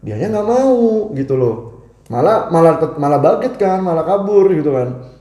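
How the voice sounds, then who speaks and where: Young man, animated storytelling, fairly high voice, mellow tone. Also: normal speed. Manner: animated, acts out quoted voices, frequent restarts. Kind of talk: casual storytelling chat. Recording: echoey room.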